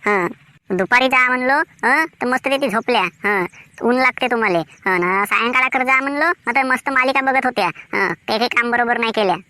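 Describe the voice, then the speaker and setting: A woman's voice: fairly high pitch, fairly quick, sharp tone, dry recording. A woman voicing a nagging village wife in a Varhadi Marathi accent, talking in a scolding, complaining way. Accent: Vidarbha Marathi (Varhadi). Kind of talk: cartoon voice acting.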